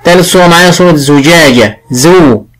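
A man with an Egyptian accent teaching early reading, sounding out syllables slowly and clearly. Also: fairly high pitch, a bit bright, low-quality recording. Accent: Egyptian Arabic. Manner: slow, drawn-out sounding of syllables. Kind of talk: classroom phonics lesson.

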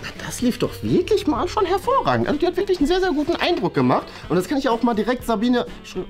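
In a family comedy sketch recorded in a small indoor office room, a young man plays an eager, easily flustered father who runs a small café, using a full, fast character voice. His pitch jumps around animatedly as he hesitates, stammers and gets excitable, sounding pleased and musing, with music clearly audible behind him.

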